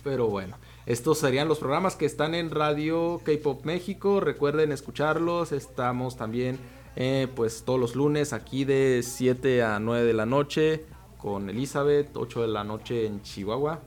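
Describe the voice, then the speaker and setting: A man co-hosting a radio show, low-key as he reads out the schedule. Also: a little slow. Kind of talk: casual radio chat. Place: radio studio.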